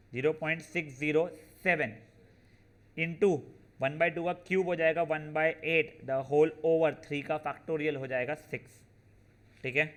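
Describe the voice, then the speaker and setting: A man with a slightly high, fairly bright voice teaches a probability class, taking formulas step by step and slowing down on them. This math teacher calls his students "beta" and keeps checking in with "theek hai na" during his lecture.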